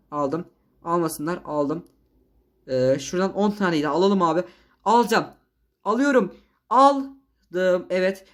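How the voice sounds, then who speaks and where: A man giving casual, chatty gameplay commentary as a gaming YouTuber, excitable and slangy. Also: on the high side.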